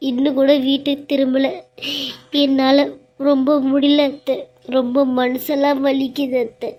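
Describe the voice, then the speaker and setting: A tearful young daughter-in-law from a cartoon serial, voiced by a woman. She pleads in a high, mellow voice, near sobbing throughout. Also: little pitch movement, unhurried. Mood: pleading.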